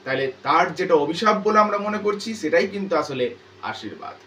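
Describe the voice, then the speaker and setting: A male teacher explaining a text line by line, reading English lines very slowly, then explaining them, often asking and answering his own questions. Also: high voice, lively intonation, pushed and bright, recorded from a distance, slight background noise.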